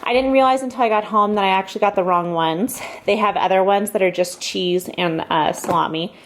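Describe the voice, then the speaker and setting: Chatty pregnant mom vlogging a haul. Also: female voice, medium pitch, a little fast. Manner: chatty, upbeat, many fillers and asides. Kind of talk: casual haul vlog chat.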